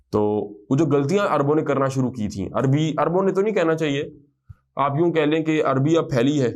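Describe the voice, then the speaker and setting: A man teaching Arabic grammar in class. He explains at length, speaks Arabic phrases slowly, and often checks whether the class follows. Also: mid-range voice, darkish tone. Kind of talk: classroom lesson.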